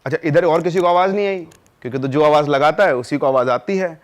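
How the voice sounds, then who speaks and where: A man telling a spooky story in a casual, conversational way, with dramatic pauses. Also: on the high side. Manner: conversational, dramatic pauses, addresses listener as bhai sahab. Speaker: storyteller guest.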